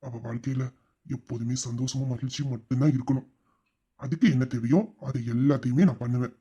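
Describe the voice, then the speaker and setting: A man voicing a doting young husband in a romantic audio drama, swinging from playful bluster to soft tenderness. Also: on the high side, normal speed. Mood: tender. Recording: dull, lo-fi recording.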